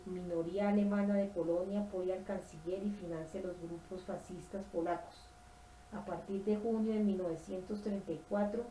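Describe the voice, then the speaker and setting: A woman reading a nonfiction history book aloud at a steady pace, sometimes stumbling and correcting herself. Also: lowish voice, echoey room, a little hiss or hum, rough recording. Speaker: audiobook reader.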